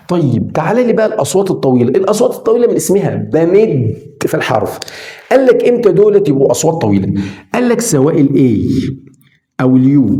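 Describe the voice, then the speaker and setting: A middle-aged man with an Egyptian Arabic accent teaching beginner English phonics, repeating each sound slowly and speaking straight to the viewer. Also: on the high side, warm tone.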